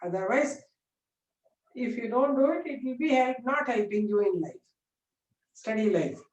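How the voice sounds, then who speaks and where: A woman's voice: fairly high pitch, lively intonation, normal speed, darkish tone, lo-fi sound. A woman with an Indian accent teaching informally like a classroom lecturer, repeating points and often checking that students follow. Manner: repetitive explaining with frequent check-in questions. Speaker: biology teacher. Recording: echoey room, distant mic.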